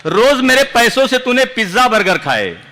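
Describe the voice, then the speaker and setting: At a large outdoor poetry gathering, a man from India recites his own humorous and serious verse, declaiming and repeating lines for effect. His voice is very high-pitched and sharp, with big pitch swings and a moderate pace.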